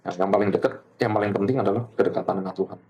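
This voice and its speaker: A middle-aged man giving a faith testimony in casual conversation, earnest and animated, laughing as he tells stories and switching often between two languages. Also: deep voice, very fast, gravelly, muffled recording, slight background noise.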